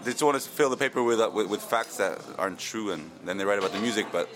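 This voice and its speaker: A man from Finland, a band's drummer, complaining in a rapid, repetitive way in a casual interview. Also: lowish voice, lively intonation, crowd noise.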